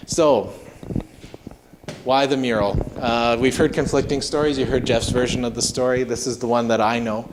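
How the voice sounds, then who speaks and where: A man leads an informal ghost tour in a mid-pitched voice. He explains things conversationally and haltingly, feeling his way through each story. Clear background noise and clicks run through the recording. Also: fairly even intonation.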